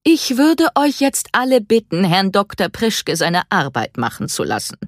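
A woman's voice: medium pitch, huge pitch swings, measured pace, no room sound, studio quality, voice pushed up. A woman voicing a firm, authoritative woman in charge who speaks decisively.

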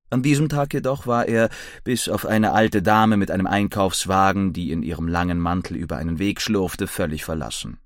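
Low-voiced man narrating an audiobook. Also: no room sound, clean studio sound. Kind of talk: scripted first-person narration.

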